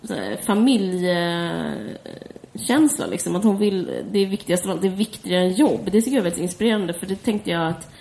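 A woman's voice: lowish voice, expressive, creaky, warm tone, a little hiss or hum. A woman co-hosting a podcast, thoughtful and a bit hesitant. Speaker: podcast co-host. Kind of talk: casual chat.

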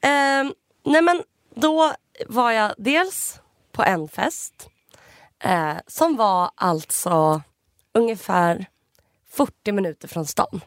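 A woman's voice: mid-range voice, animated, no echo, studio quality. A woman in her twenties, a podcast co-host, telling stories in casual chat with many fillers and restarts. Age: 20s.

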